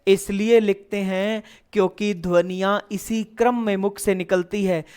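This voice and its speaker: A man teaching an online lesson. He explains step by step, asks questions and answers them himself, and drills lists of syllables in a steady rhythm. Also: high voice, normal speed, clean tone. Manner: explains step by step, asking and then answering his own questions.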